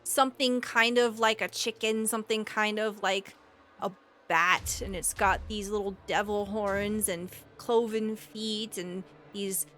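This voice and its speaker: A woman's voice: medium pitch, fairly even intonation, unhurried, a bit bright. A woman narrating a tabletop roleplaying game as game master, with descriptive, suspenseful storytelling.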